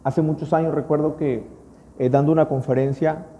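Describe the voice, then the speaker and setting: A Mexican pastor preaches a storytelling sermon, building to emphatic peaks. His voice sits fairly high but sounds mellow and dark. A long church-hall reverb trails his words. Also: fairly even intonation, normal speed.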